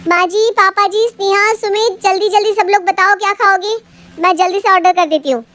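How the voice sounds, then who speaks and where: A woman voicing a polite young daughter-in-law who keeps quiet but mutters her complaints. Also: high-pitched, animated, a little fast. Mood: busy.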